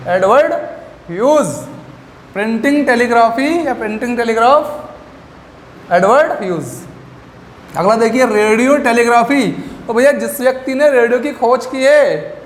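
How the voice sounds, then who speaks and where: A man's voice: extremely high pitch, a little slow, pauses often. A man teaching a lecture class, asking questions and answering them himself with memory tricks. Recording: echoey room with faint background noise.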